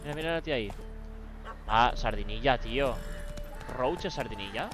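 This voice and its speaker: A man's voice: mid-range voice, expressive, normal speed. Young spanish guy streaming a game, slangy and jokey, voice jumps all over. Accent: Spain. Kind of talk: casual let's play commentary. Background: game music.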